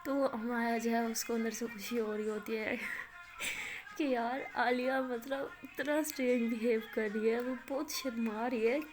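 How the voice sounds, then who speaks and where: A woman's voice: fairly high pitch, fairly even intonation, a little slow. A woman narrating a love story in casual talk, chatty and full of filler words.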